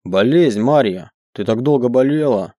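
A man reading an audiobook, voicing a huge, gruff bear-shifter husband who growls and gives orders, in a dry room. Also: mid-range voice, lively intonation, normal speed, dark tone, no echo, close to an everyday voice. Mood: loud upset. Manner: commanding, bossy. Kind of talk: audiobook character voice.

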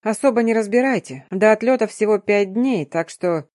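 A woman's voice: medium pitch, moderate pace, darkish tone, dry recording, studio quality, close to an everyday voice. A woman reading the lines of a stern, domineering and sly male curator in an audiobook, with a curt, commanding manner. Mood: stern, mocking. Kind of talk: audiobook narration.

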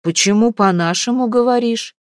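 A woman's voice: fairly high pitch, normal speed, pitched above the performer's own voice, lightly acted. A hard-eyed warrior leader, voiced by a woman narrator, fires off short, authoritative questions. The delivery is clipped and dry, recorded close with no echo. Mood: stern questioning. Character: stern red-bearded older warrior chief, commanding.

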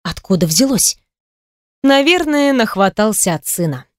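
A woman narrating an audiobook in a calm, steady reading. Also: mid-range voice, measured pace, no room sound, clean studio sound. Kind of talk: scripted narration.

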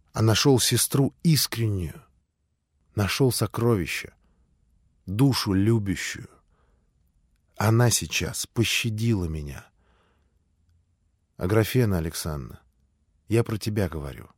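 A man reading an audiobook voices a gentle, devout young man who speaks firmly but quietly and from the heart. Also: lowish voice, no room sound, studio quality.

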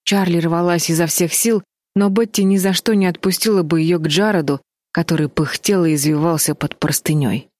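Low-voiced woman reading a story. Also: fairly even intonation, a little fast, a little mellow, no echo, clean studio sound. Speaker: audiobook narrator. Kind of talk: scripted narration.

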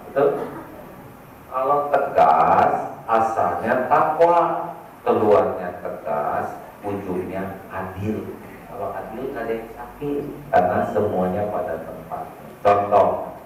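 A male preacher, giving a humorous sermon and teasing the audience with questions. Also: fairly low pitch. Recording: echoey hall, distant mic, faint noise.

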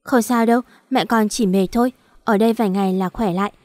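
A woman's voice: mid-range voice, steady tone, fast, a little mellow, dry recording, studio quality, close to an everyday voice. A woman voicing a loyal, worried young female best friend in an audio story, in an anxious, caring manner. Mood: reassuring. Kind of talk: audiobook dialogue.

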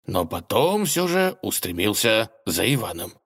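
A man narrating a fairy tale in a playful, expressive reading style. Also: on the low side, measured pace, breathy edge. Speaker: storyteller.

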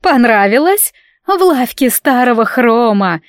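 A woman voicing an overbearing, meddling middle-aged mother who speaks slowly and preachily in an audiobook. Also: on the high side, sing-song, no room sound, clean studio sound. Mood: domineering. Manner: slow, domineering, preachy.

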